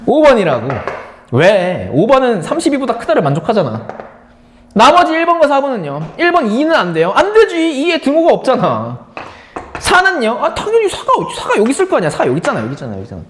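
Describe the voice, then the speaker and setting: A man's voice: very high voice, huge pitch swings, quick pace, echoey room, a little hiss or hum. A man teaching a live math class, playful and drilling key terms by repeating them. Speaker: math instructor.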